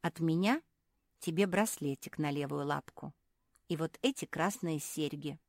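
A woman's voice: sits low, unhurried, darkish tone, no echo, studio quality. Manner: grumbling. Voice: woman doing a bossy sister dog.

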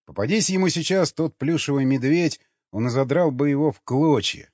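A man narrating an audiobook in a steady, measured reading voice. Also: fairly high pitch, no echo. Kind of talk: scripted narration. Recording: dry, slightly dull recording.

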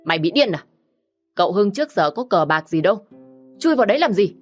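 Brief: woman narrator playing a harsh old patriarch, loud and scolding, storybook reading. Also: medium pitch, big pitch swings, brisk, soft background music. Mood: furious. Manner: shouting, scolding. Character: stern angry older father of the house.

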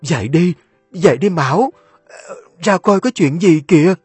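Man putting on a young noblewoman, anxious, stammering, raised pitch. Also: slightly rough, no echo, soft background music. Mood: alarmed. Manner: hurried, stammering.

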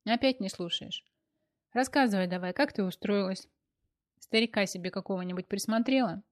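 Woman reading as a bossy, teasing girlfriend in a storybook, lively and high. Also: moderate pace, close to an everyday voice. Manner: pushy, teasing, interrupting. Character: chatty bossy young woman friend.

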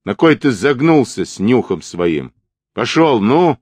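A man voicing a surly, quick-tempered young male partisan who talks roughly, in an audiobook. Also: mid-range voice, sing-song, darkish tone, no echo, pitched above the performer's own voice. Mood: angry. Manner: rough, snapping.

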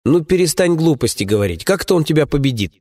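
A man's voice: fairly high pitch, big pitch swings, fast, dark tone, dry recording, studio quality, voice pushed up. A man voicing a fierce, cocky young woman warrior, spirited and scornful.

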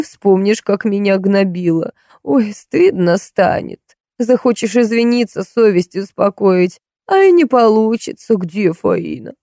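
A woman's voice: mid-range voice, gravelly, warm tone, no room sound, studio quality, voice pushed up. A woman reading an audiobook, voicing a whining, begging old woman with a cracked, tearful voice. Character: whiny, wheedling old woman, a drinking pensioner.

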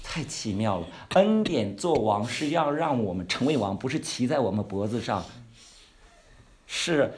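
A man giving a conversational Bible-study sermon. He asks his listeners questions and draws out key words slowly for emphasis. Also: mid-range voice, big pitch swings. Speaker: pastor or Bible teacher.

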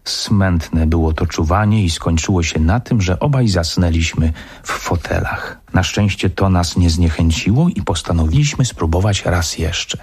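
A man reading a serialised story for radio as the narrator, measured and storytelling. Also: sits low, a little mellow, slightly rough. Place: radio studio.

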